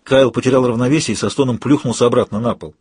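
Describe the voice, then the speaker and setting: Husky male audiobook narrator. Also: medium pitch, fast talker, a little mellow.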